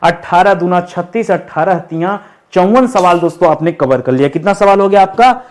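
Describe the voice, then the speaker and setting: A young man teaching a Hindi spelling lesson for exam preparation, repeating each word slowly and asking his students rhetorical questions. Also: high-pitched. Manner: repeats and drills words, asks the class rhetorical questions; calls his listeners friends, relaxed and unhurried. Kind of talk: online exam-prep lesson.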